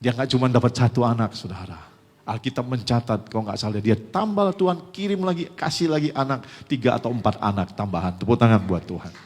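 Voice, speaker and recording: A man's voice: medium pitch, brisk, darkish tone, soft background music. A man pastor preaching a conversational sermon, addressing the congregation directly and asking them rhetorical questions. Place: church sanctuary. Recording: long church hall reverb.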